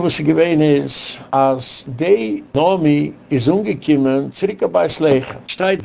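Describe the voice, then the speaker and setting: A man's voice: on the high side, vocal fry, darkish tone, a little hiss or hum. An older man, a rabbi, giving an encouraging sermon by retelling stories and dialogue, with emphatic rises.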